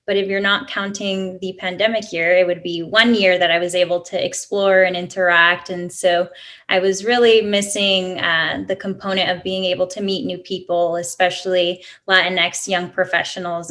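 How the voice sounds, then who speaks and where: A woman's voice: on the low side, pushed and bright. Chatty woman guest with many ums. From Colombia. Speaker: interview guest. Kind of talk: casual interview answers.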